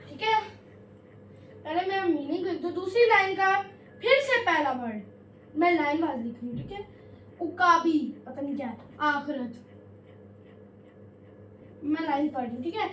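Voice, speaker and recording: A woman teaching an Urdu class, scolding students strictly and reading verse lines slowly. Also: extremely high pitch, echoey room, far from the mic, slight background noise. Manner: slow drawn-out verse reading. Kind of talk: classroom lesson.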